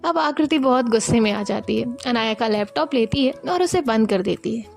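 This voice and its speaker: A woman's voice: on the high side, lively intonation, moderate pace, gravelly, faint music behind. A woman narrating a romance story in a plain, conversational storytelling manner.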